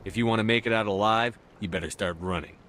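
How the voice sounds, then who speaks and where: An actor playing a steady, resolute starship commander in a video game, with music behind him. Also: male voice, fairly low pitch, quick pace, lightly acted. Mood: commanding. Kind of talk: video game dialogue acting.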